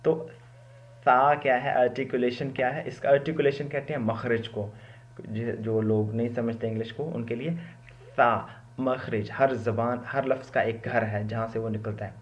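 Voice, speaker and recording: A man's voice: mid-range voice, fairly even intonation, lo-fi sound. A man from Pakistan, a Quran teacher, giving a spoken lesson on Arabic letter pronunciation, explaining and repeating each sound to demonstrate, with English words mixed in.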